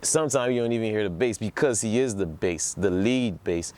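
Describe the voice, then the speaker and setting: A man from New Orleans, United States, presents a music production project in a casual, informal talk to camera, with music playing behind him. His voice is on the low side and darkish, fairly quick, enthusiastic, and he repeats words for emphasis.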